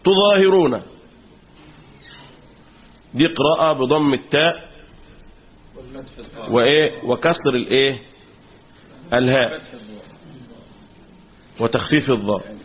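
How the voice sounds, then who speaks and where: A man's voice: medium pitch, a little slow, pauses often. A man with an Egyptian accent, a sheikh teaching Quran commentary in a classroom lecture, who keeps quizzing the class with fill-in questions. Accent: Egyptian Arabic. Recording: tinny phone-like recording.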